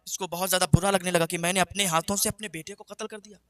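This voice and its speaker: High-voiced emotive preacher man. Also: fairly even intonation. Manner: emotive, repetitive phrasing. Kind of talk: storytelling sermon.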